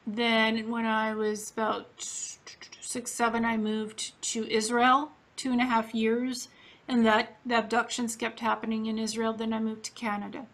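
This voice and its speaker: A woman's voice: fairly high pitch, level tone, measured pace, a bit bright. A woman from Ukraine interviewing a guest in a casual, earnest, matter-of-fact way.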